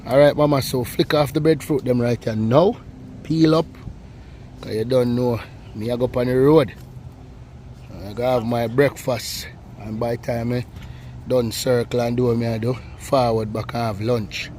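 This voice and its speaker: A man with a Jamaican accent hosting an outdoor cooking vlog, chatting in relaxed patois and teasing playfully. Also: medium pitch, moderate pace, a little hiss or hum. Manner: laid-back patois banter, playful teasing. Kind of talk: casual outdoor cooking chat. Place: outdoors beside an open cooking fire.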